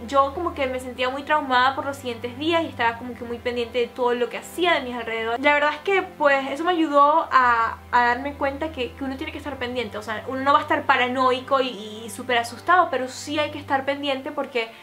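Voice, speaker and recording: A young adult woman telling a personal story to her viewers in a vlog, talking quickly and filling her sentences with little connecting fillers. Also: sits high, bright, forceful tone. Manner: fast storytelling with many fillers. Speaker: YouTuber.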